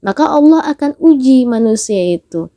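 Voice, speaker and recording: A woman's voice: sits high, lively intonation, normal speed, warm tone, no room sound. A woman preacher giving a conversational religious talk, telling stories and acting out their dialogue.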